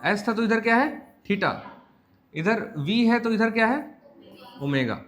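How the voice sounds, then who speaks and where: Indian male physics tutor, fairly high voice, questioning, dictates slowly. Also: animated, a bit bright. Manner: mixes Hindi and English, asks students frequent check questions; slow, word-by-word dictation while writing. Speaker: physics teacher. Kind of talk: classroom lecture.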